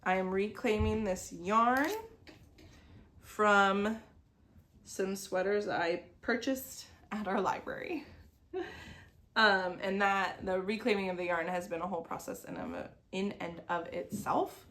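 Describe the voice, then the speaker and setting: Medium in pitch and fairly bright, this woman speaks at a slow pace with slight background noise. In her thirties and sniffly from a cold, she hosts a crafting video podcast at her sewing desk at home, chatting casually in a meandering way full of "like" fillers.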